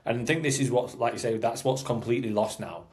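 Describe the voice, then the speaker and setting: A man's voice: mid-range voice, fast talker, darkish tone. A man, a fitness coach co-hosting a podcast, talking earnestly and reflectively in casual chat.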